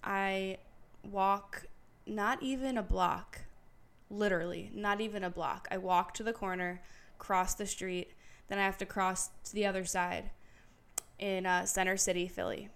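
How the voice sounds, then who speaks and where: Late-20s woman ranting on her podcast, smooth clear voice, swears a lot, gets loud and worked up. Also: medium pitch, fairly even intonation, measured pace. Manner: candid and profane, retelling with emphatic repetition; grows louder and more heated when recounting the incident. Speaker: podcast host. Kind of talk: casual solo storytelling monologue.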